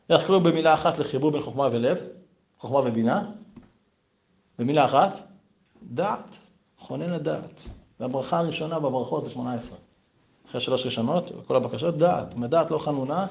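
Emphatic middle-aged rabbi teaching Torah. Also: male voice, darkish tone. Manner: emphatic, asks rhetorical questions, voice jumps high on key points. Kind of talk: Torah lesson with stories.

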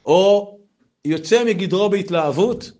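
A man, giving an informal Torah talk full of personal stories and rising to loud, animated bursts. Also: sits high, muffled recording, slight background noise. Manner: animated storytelling, voice swells when excited. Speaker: religious lecturer.

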